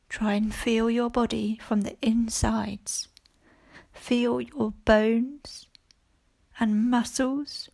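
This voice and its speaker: A primary school teacher, a woman, guides children through a mindfulness body scan meditation. She speaks calmly and gently in short phrases separated by long pauses, and her voice is fairly high and gravelly.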